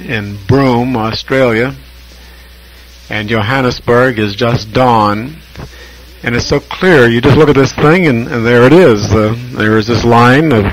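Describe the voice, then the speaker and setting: Over shortwave, an American man talks casually as a ham radio operator, his medium-pitched voice slow and hesitant with many pauses as he describes things. The recording quality is low.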